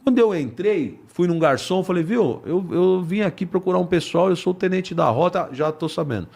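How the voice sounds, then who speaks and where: An older man tells a police story as a podcast guest. His voice sits a bit high for a man, and he acts out each person in the dialogue with casual swearing. He speaks from a podcast studio. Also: animated, moderate pace, gravelly, darkish tone.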